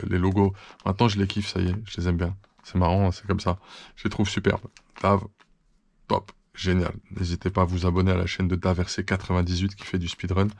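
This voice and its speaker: A man's voice: deep voice, creaky, darkish tone, no room sound. A man hosting a hobby channel, chatting through an unboxing, thankful and full of fillers and restarts. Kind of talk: casual unboxing chat.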